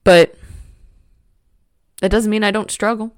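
A woman's voice: mid-range voice, fairly even intonation, a little slow, smooth. A woman hosting a podcast, talking candidly in a motivational monologue with a frank, emphatic, casual manner. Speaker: podcast host.

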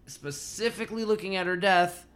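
A man's voice: sits high, moderate pace, a bit bright. Man with dry, joking commentary. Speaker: podcast co-host. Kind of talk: casual chat.

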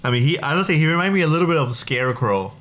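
Laughing, hesitant man, somewhat high voice. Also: animated, very fast, fairly bright tone. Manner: hesitant, laughs often, stumbles over words. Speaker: podcast co-host. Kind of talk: casual film discussion.

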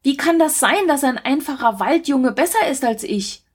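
A woman's voice: high voice, animated, normal speed, voice pushed up. A woman voicing a jealous, hot-tempered young prince who speaks indignantly. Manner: indignant, shouting.

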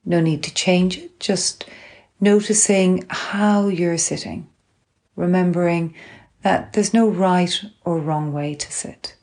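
A woman instructor calmly and gently guiding a grounding exercise, unhurried, with long pauses between phrases. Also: fairly low pitch. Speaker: guided relaxation instructor. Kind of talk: calm guided grounding exercise.

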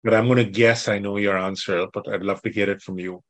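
Enthusiastic podcast host, dry sound. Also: male voice, fairly low pitch, steady tone, fairly quick, dry recording. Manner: enthusiastic, repeats praise words. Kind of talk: casual podcast interview.

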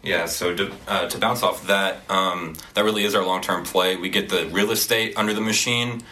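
A young man from Oklahoma, a student entrepreneur, explaining his business in a relaxed, casual interview with some fillers. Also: low voice, normal speed. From Oklahoma, USA. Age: young adult.

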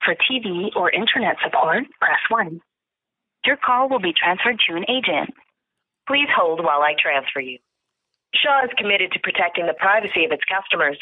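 A woman reading scripted phone menu announcements in a measured, formal manner, recorded over a telephone line. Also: fairly low pitch, lively intonation, breathy edge. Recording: tinny, narrow telephone line.

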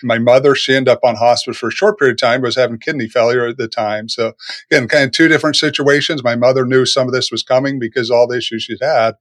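A man's voice: mid-range voice, steady tone, fast, a bit bright, dry recording. A man hosting an interview show, talking in a reflective, conversational way.

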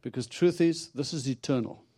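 A middle-aged man from South Africa with a Texan accent preaches at a church as a visiting speaker, his sermon chatty and funny as he acts out his conversations with God. His mid-range voice is mellow and husky, his pace moderate, and the recording has no echo.

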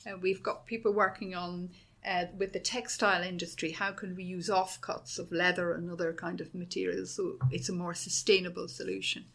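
Irish woman, gravelly, enthusiastic. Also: lowish voice, flat delivery, moderate pace, a bit bright. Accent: Dublin Irish. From Ireland. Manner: enthusiastic, rambling with many restarts. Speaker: university principal. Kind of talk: podcast interview answers.

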